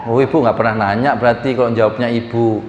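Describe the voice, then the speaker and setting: A man preaching a sermon with an East Javanese accent, lively and joking, often acting out little voices and speaking straight to the audience. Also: mid-range voice, fast, slight background noise. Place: hall. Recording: echoey hall from far off.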